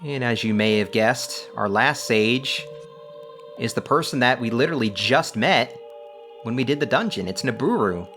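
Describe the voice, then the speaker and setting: A man hosting a let's play at a middle pitch. He gives casual gameplay commentary, chatty and full of joking asides. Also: lively intonation, moderate pace, a bit bright, soft background music.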